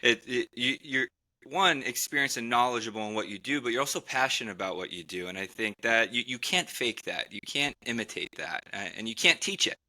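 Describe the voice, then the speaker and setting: A man's voice: mid-range voice, fairly quick, sharp tone. A man interviewing a guest for his industry association, often restarting and repeating words as he builds his questions.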